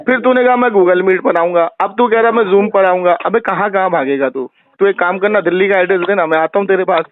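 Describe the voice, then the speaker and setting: A man in a heated phone argument as a religious debater, combative and taunting, accusing his opponent again and again. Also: high voice. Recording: tinny phone line.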